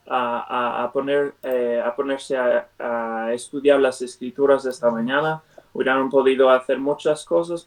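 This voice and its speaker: A young man with a medium-pitched voice speaks Spain Spanish, which is not his first language, while leading prayer and Bible study on a video call from home. He is hesitant, with many fillers and restarts. The audio comes through a computer mic and sounds far from the microphone.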